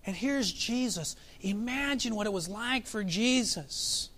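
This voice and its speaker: A man preaching a sermon as pastor, reflective, asking his listeners questions and slowing down for emphasis. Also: high voice, expressive, a bit bright. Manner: reflective, asks the congregation questions, varies pace for emphasis.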